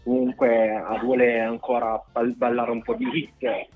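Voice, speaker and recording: A man's voice: medium pitch, flat delivery. Male singer guest calling in by phone, tinny and narrow line, hesitant delivery, faint music behind. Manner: halting, many fillers, keeps stressing he's being honest. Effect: heard over a phone line. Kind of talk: casual radio interview.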